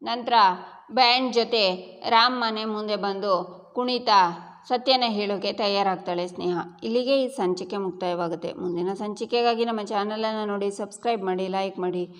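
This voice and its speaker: A woman narrating a serial episode recap in steady storytelling style, with a long echoing reverb. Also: medium pitch, moderate pace.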